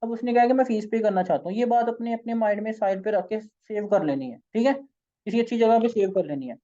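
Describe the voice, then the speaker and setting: Hoarse Pakistani man, higher voice, mellow tone; tired sales coach on a dull lo-fi recording. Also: fairly quick. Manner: informal, coaxing, keeps saying "okay". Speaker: sales trainer and company founder. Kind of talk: online sales training session.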